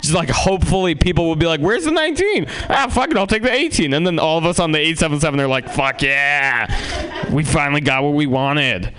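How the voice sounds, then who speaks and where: Rambling, profane stand-up comic. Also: male voice, expressive, fairly quick, smooth. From San Francisco, USA. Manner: rambling, profane, swings between loud outbursts and low mutters. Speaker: stand-up comedian. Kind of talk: stand-up comedy set.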